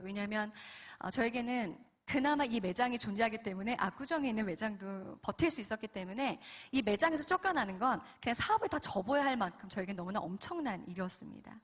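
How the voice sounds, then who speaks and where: Middle-aged woman telling her testimony at a prayer meeting, kinda husky, voice swings up and down a lot. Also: on the high side, a bit bright. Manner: storytelling, acts out her own past cries and the voice of God. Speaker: guest speaker at a prayer meeting. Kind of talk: testimony sermon.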